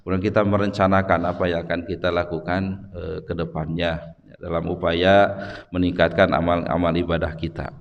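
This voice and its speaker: A middle-aged man with a low, deep voice gives a relaxed dawn lecture in a mosque hall. He talks conversationally, pausing often and tagging his sentences with "ya." His voice carries a long reverb from the hall. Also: muffled recording. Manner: conversational, frequent "ya" tags and pauses. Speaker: religious teacher.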